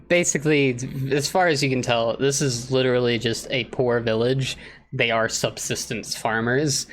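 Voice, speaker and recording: A man runs a tabletop game as game master, describing the scene in a casual, halting way. His voice sits in a middling pitch, and his narration is loose and unscripted. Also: a bit bright, a little hiss or hum.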